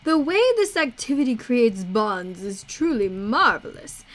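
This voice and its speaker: A woman's voice: fairly high pitch, very animated, measured pace, poor audio. A woman reading the lines of a formal, eloquent male traveler who dreams of founding a circus.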